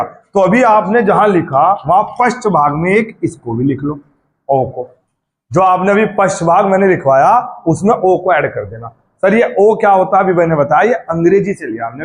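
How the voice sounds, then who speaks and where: A man teaching grammar for exams, drilling vowel sounds and checking often whether his students have understood. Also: high-pitched. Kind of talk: exam-prep Hindi grammar lesson.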